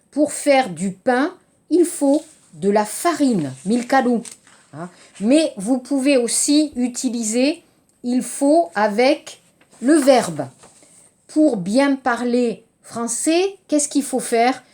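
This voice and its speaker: Middle-aged woman, French teacher, unhurried and higher-pitched, patient, glosses vocabulary for learners. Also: a little mellow. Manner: slow, patient explaining with frequent "d'accord?" checks; glosses words in Korean and English. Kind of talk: language lesson.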